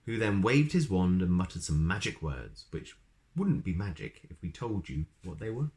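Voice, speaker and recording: Deep voiced guy reading a kids story, really up n down, explains stuff as he goes. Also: big pitch swings, moderate pace, darkish tone. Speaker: storybook reader. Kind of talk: children's story narration with asides to the viewer.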